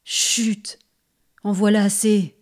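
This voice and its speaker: A woman's voice: mid-range voice, little pitch movement, slow, close to an everyday voice. A woman voicing a placid but fearful male miner who scolds his crew. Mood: anxious.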